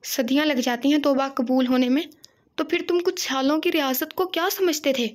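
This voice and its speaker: A woman's voice: high voice, steady tone, normal speed, close to an everyday voice. A woman voicing a sorrowful mother who speaks in a heavy, admonishing tone to her grown son. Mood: mournful reproach.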